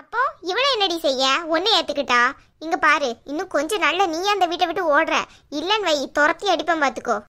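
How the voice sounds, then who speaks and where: A woman's voice: expressive, sharp tone, full character voice. A woman voicing a scheming, domineering middle-aged aunt in a cartoon, talking in a bossy, scornful way. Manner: bossy, scornful, low and slow. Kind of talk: cartoon voice acting.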